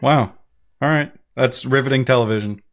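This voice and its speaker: A man co-hosting a podcast, laid-back and quick to laugh, often answering with short reactions. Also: medium pitch. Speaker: podcast co-host. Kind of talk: casual podcast chat.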